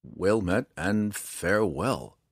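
A man voicing a guarded, weary male dark elf who speaks flatly and tersely. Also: lowish voice, slow pace, creaky, slightly rough, no echo, clean studio sound, heavily acted. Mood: dry. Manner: flat, terse.

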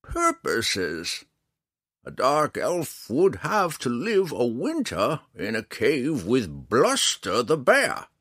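A man voicing a proud, blind old hermit archer who speaks slowly and halts while searching for words. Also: mid-range voice, wildly swooping pitch, fairly bright tone, no room sound, studio quality, pitched above the performer's own voice, exaggerated voice. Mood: earnest. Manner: slow, drawn-out delivery.

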